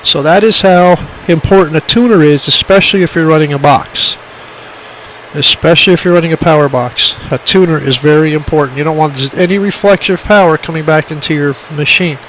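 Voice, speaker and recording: Demonstrating his radio gear, this hobbyist talks quickly in a slightly bright, higher-than-average male voice. His informal tutorial is plainspoken and emphatic, and he says things more than once. It's a rough amateur phone recording with slight background noise.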